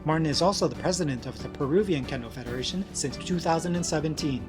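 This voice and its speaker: A man hosting a podcast, reading a scripted introduction in an even, measured way. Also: on the high side, music in the background. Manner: read from a script, evenly paced. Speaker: podcast host.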